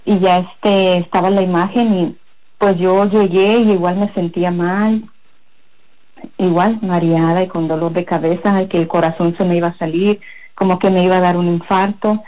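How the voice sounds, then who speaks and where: Woman giving a halting faith testimony. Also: on the low side, steady tone, warm tone, muffled recording. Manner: halting, rambling storytelling with many fillers. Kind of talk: personal religious testimony.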